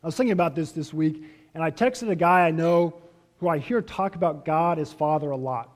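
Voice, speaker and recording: A man preaching a sermon as pastor, earnest, pressing his points and then letting them fall away softly. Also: a little high, fairly quick. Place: church sanctuary. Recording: reverberant church hall.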